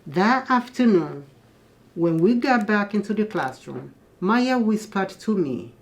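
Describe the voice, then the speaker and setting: A woman with a medium-pitched, animated voice reads a children's picture book aloud at a slow pace. As a guest storybook reader, she takes a teacherly tone and explains things to her young listeners.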